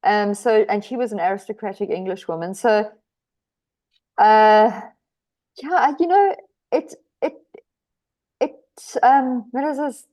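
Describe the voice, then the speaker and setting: Mellow-voiced South African woman author. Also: medium pitch, measured pace, pauses often. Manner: hesitant, many restarts, laughs easily. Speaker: author guest. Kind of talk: podcast interview.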